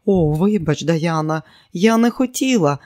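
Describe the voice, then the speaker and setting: A man reading an audiobook and voicing a timid, soft-hearted young woman who speaks hesitantly. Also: on the low side, lively intonation, measured pace. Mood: apologetic. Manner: hesitant, apologetic.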